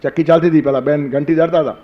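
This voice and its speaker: A man's voice: a little high, steady tone, racing, highs cut off. An older man giving a spiritual discourse, telling stories, asking rhetorical questions and quoting verses. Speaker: spiritual teacher. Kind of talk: Gita discourse sermon.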